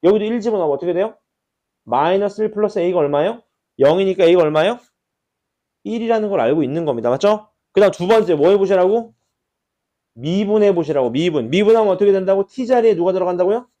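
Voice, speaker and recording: A man's voice: high voice, animated, fast talker, warm tone. A man teaching a math class at the board, who keeps checking in with rhetorical questions and repeats key words for emphasis. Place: classroom at a whiteboard.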